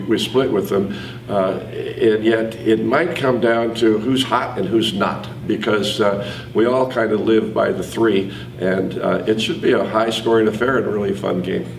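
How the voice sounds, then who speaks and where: A man in his sixties, a basketball coach, answering press conference questions in an easygoing, chuckling way with many filler pauses. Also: lowish voice, creaky, a little hiss or hum. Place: indoor press conference room. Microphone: table mic from a distance. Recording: echoey room, distant mic.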